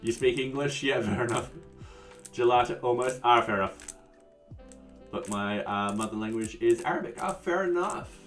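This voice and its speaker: Recorded from a distance, a man with a medium-pitched voice talks at normal speed as he hosts a casual live coding stream. His easygoing answers to chat often trail off, his voice a bit off-mic, with soft music behind.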